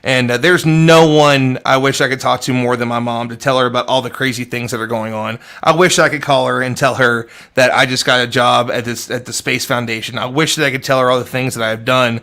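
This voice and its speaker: A man hosts a live online panel in a casual livestream chat, speaking earnestly but rambling and restarting often. His medium-pitched voice is steady and slightly bright, and he talks briskly with few pauses.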